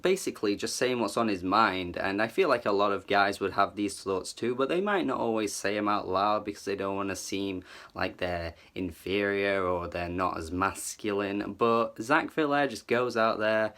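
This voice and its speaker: A man's voice: on the low side, moderate pace, hardly any pauses, fairly bright tone. Chatty man reviewing an album. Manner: chatty, filler-heavy, hedging with "like" and "kind of"; enthusiastic. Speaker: music reviewer.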